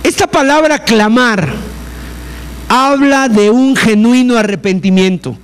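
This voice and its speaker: Guy preaching a sermon, really high voice, keeps throwing questions at the crowd. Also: slow, smooth. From Mexico. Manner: emphatic, with many rhetorical questions to the listeners.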